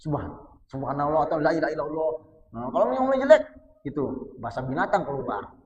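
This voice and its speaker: Male preacher, conversational sermon, bursts from quiet asides to loud high emphasis; roomy, dull distant recording. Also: expressive, fast talker. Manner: conversational, keeps addressing listeners as "Pak". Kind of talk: casual mosque sermon. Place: small prayer hall. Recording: echoey, distant, dull-sounding mic.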